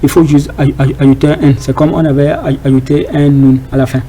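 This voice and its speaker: A man's voice: mid-range voice, flat delivery, fairly quick, warm tone, a little hiss or hum, poor audio. A man giving an informal Arabic reading lesson, hesitant, with many fillers, repeated words and rhetorical questions to the class. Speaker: Arabic teacher.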